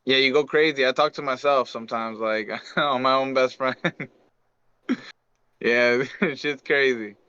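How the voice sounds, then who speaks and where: A man from Peru talks as a podcast guest in a relaxed chat. He laughs often and restarts his sentences as he hunts for words. His voice is clean and smooth, and the recording is dry and dull. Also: mid-range voice, measured pace, no room sound. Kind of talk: casual chat. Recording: muffled lo-fi dry mic.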